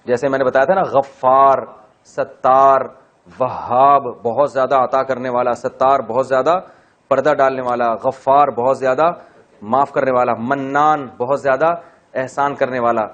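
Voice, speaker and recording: A man teaching Quran grammar in a class, explaining step by step, asking and answering his own questions, and chanting verses slowly. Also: mid-range voice, steady tone, a bit bright. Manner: chanted slow Arabic verse recitation. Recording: dull lo-fi recording.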